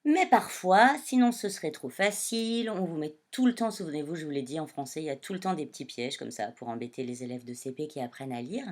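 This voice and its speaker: A woman primary school teacher giving a reading lesson to young children, speaking slowly and clearly as she addresses them. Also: low voice, expressive, a little mellow.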